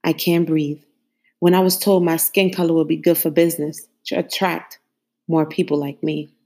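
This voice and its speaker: A woman host in her thirties delivering a solemn spoken-word monologue, measured and grave, built around a repeated refrain. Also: low voice, flat delivery, a little mellow. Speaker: podcast host.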